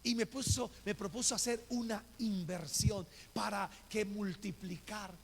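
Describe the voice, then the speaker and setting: High gravelly Colombian pastor preaching. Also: male voice, fairly even intonation, a little slow. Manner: storytelling, acting out dialogue. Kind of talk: sermon. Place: church. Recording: reverberant church hall with faint noise.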